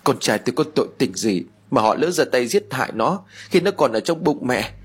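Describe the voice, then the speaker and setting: A man's voice: medium pitch, very animated, brisk, breathy edge. A man voicing a grieving young mother who speaks in a pleading, tearful way. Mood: anguished.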